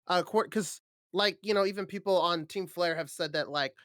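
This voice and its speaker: A man's voice: high voice, normal speed, fairly bright tone, no echo, studio quality. A man co-casting a live esports match over a remote call, rambling and full of fillers, often checking "right?". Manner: rambling, filler-heavy, keeps asking "right?". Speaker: esports co-caster. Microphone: remote call over the internet.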